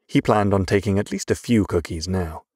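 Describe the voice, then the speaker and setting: Deep-voiced male audiobook narrator. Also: moderate pace, a little mellow, breathy edge, no echo, clean studio sound. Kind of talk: scripted narration.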